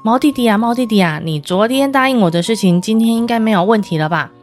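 Boastful strong tiger for a kids' story, proud and blustering, lively pitch, as a woman narrator puts him on. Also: quick pace, soft background music, close to an everyday voice. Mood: insistent. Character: boastful strong male tiger, later furious.

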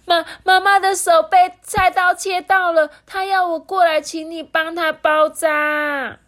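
A woman's voice: on the high side, expressive, measured pace, pitched above the performer's own voice. A woman voicing a nervous little boy who stammers, in a children's storybook reading. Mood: panicked. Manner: stammering, breaks off mid-word.

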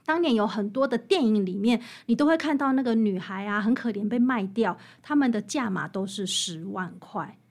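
In an interview about her book, a woman guest author with a Taiwanese Mandarin accent explains and recounts stories emphatically yet conversationally. Her medium-pitched voice is expressive, with a moderate pace and hardly any pauses.

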